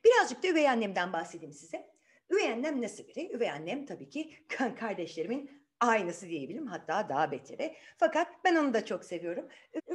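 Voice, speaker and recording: A woman's voice: mid-range voice, lightly acted. A woman voicing a poor, kind young Cinderella who tells her own tale chattily, asking the children rhetorical questions. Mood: confiding.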